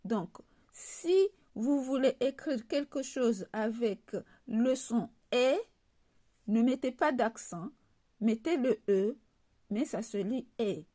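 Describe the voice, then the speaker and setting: Slow, patient woman teaching an alphabet. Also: a little high, animated, dark tone. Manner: patient, repeats example words. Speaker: language teacher. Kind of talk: slow spoken alphabet lesson.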